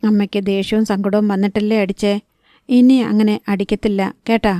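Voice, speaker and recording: A woman voicing a harried young village mother who scolds sharply and soothes softly, in a mellow, smooth, even storybook reading. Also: medium pitch, brisk, no echo, clean studio sound, close to an everyday voice. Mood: tender.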